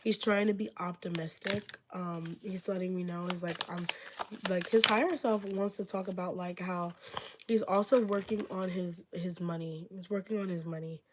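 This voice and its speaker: On a live stream, a tarot reader with a fairly low, steady voice rambles at a moderate pace, full of filler words, as sickness makes her lose her voice. She gushes thanks to her viewers over background noise.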